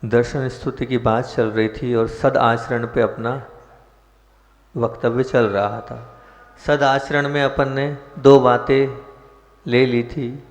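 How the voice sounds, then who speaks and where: Male monk, sermon, slow and measured, chanted prayers, roomy echo. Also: medium pitch, little pitch movement. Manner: slow chanting of prayers, then measured preaching with rising emphasis. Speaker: Jain monk. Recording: echoey hall with long reverb.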